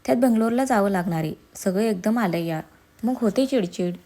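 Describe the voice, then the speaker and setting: A woman's voice: mid-range voice, brisk, dark tone, natural voice. A woman voicing an irritable, overworked young husband in a storybook reading. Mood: apologetic. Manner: curt, exasperated, then coaxing.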